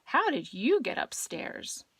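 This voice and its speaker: A woman's voice: high voice, wildly swooping pitch, slow pace, gravelly, a bit bright, slight background noise, heavily acted. A woman voicing a puzzled, inquisitive male night watchman in a storybook, exclaiming as if reading to a toddler. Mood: surprised.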